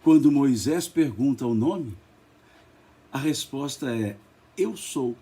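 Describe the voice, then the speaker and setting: Brazilian man leading a spiritist study; slow, emphatic delivery, husky, with a lively pitch. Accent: Brazilian Portuguese. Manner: slow and emphatic, spells out letters, repeats words. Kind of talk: religious study talk.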